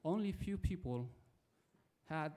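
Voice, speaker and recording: A man in his forties from Ecuador, with an Ecuadorian Spanish accent, rises from the audience and tells a prepared personal story before asking his question. His voice is a little high and dark in tone, animated yet slow.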